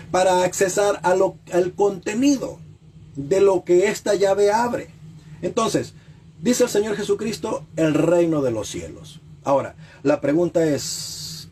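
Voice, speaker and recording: A man delivers a sermon in a mellow, warm voice pitched a little high for a man. He repeats key phrases and puts rhetorical questions to the listener, and he drops low and slow on solemn lines. Faint noise hums behind him. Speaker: preacher.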